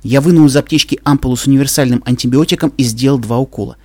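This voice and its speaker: A man's voice: mid-range voice, racing, darkish tone, dry recording. Man reading a story in a dry close voice. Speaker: narrator. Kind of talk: first-person story reading.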